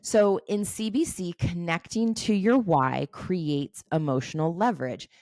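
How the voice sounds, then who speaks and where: Frank, low-voiced woman in her forties. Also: unhurried, warm tone, no room sound, studio quality. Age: 40s. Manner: frank, swears casually, laughs easily. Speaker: coach. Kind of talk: casual coaching talk.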